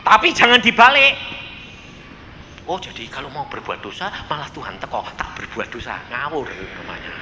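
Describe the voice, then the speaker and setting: A man with a Javanese accent preaching a sermon, telling stories and swinging between soft and loud. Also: mid-range voice, sing-song, moderate pace. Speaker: pastor. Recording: echoey hall with faint noise.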